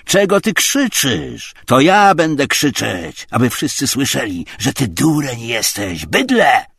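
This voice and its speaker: A hoarse, spiteful bully bellows insults high and loud, as a male narrator puts him on. His voice swings wildly and carries a husky edge, close and dry with no room around it. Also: sing-song, slow pace, dry recording, exaggerated voice. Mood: furious. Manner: shouting, mocking, abusive. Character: coarse, spiteful middle-aged man, hoarse and bullying.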